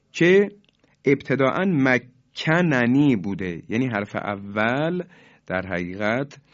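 A man teaching Quran recitation on the radio, explaining each rule and slowing down to model the recited examples. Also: fairly low pitch, no room sound, highs cut off.

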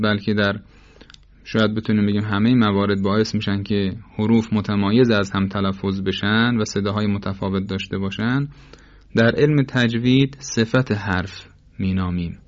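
A man's voice: lowish voice, steady tone. A man teaching a lesson, explaining step by step in a patient, formal and methodical manner. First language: Persian. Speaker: Quran recitation teacher. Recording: dull lo-fi recording.

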